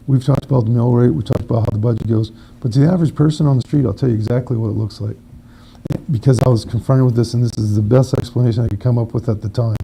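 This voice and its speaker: A man running for city council talks in a folksy, homespun way, spinning analogies as he answers. His voice is very dark and gravelly. Faint room noise sits behind him. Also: mid-range voice, poor audio. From northern Maine. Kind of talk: candidate forum answer.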